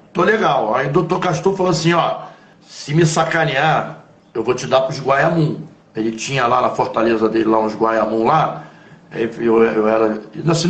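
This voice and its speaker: A man with a Carioca accent, a former footballer, telling stories from his past in an interview, in an animated, slangy way full of asides. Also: on the high side. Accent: Carioca Brazilian Portuguese. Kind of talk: conversational storytelling interview. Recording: roomy echo.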